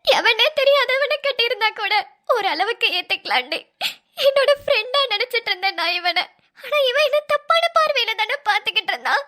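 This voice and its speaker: A woman's voice: extremely high pitch, lively intonation, brisk, pushed and bright, full character voice. A woman voicing a hurt, tearful young woman in a cartoon, who speaks in a reproachful, sobbing way. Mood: bitter. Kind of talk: cartoon voice acting.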